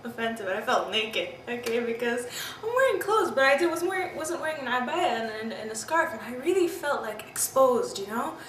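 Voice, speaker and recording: In a roomy recording with a distant mic and background noise, a woman from Pakistan in her twenties speaks candidly and reflectively about personal experiences, repeatedly saying "you know" and "I mean." Her fairly bright voice sits on the high side, with big pitch swings, a slightly fast pace, and few pauses.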